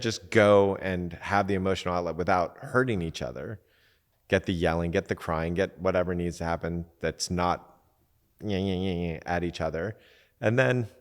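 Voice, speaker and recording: Deep-voiced man giving candid advice. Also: long reverb tail. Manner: relaxed, candid, swears casually, acts out quotes. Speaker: podcast host and coach. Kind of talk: casual advice talk.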